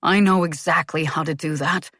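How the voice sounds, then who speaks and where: A woman voicing a calm, tender male suitor who murmurs softly. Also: sits low, moderate pace, dry recording, clean studio sound. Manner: soft, murmuring. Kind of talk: audiobook character voice.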